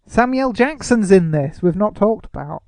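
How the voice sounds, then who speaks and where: Male podcast co-host, gravelly, teasing, dry studio sound. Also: high-pitched, lively intonation, moderate pace, darkish tone, no room sound. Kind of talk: casual comedic chat.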